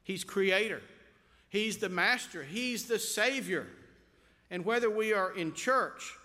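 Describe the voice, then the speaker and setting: Slow, high-voiced preaching man. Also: expressive, pushed and bright, long reverb tail. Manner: slow, emphatic preaching with drawn-out words. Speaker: pastor. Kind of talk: sermon.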